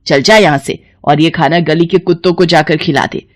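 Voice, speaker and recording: A woman voicing a harsh older mother-in-law in an animated story, scolding in slow, drawn-out words. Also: low-pitched.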